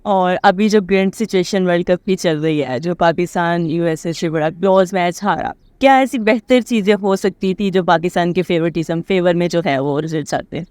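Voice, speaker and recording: A man's voice: sits high, moderate pace, few pauses, darkish tone, smooth, no room sound. A man interviewing a cricketer, asking short, direct questions in Urdu.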